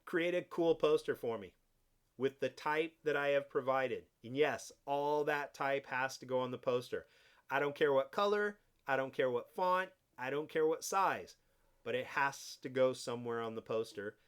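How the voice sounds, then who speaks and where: A man teaching a design class, walking students through software steps in a relaxed, explaining way. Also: medium pitch, smooth. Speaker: design instructor. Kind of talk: software tutorial.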